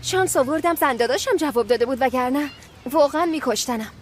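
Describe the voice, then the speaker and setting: A woman's voice: high-pitched, lively intonation, a little hiss or hum. A nervous young schoolgirl. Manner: nervous, hesitant. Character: anxious young schoolgirl sneaking off. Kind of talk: TV drama dubbed dialogue.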